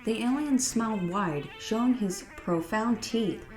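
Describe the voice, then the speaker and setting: A woman's voice: fairly high pitch, unhurried, a little mellow, roomy sound, faint music behind. A woman narrating a scary holiday story in a dramatic, earnest reading. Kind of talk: scripted horror story narration.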